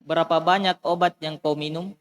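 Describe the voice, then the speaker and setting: A young man reads text aloud in a monotone, with a clear and fairly high voice. He recites steadily and then translates. His voice has a long reverb behind it. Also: moderate pace. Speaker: student.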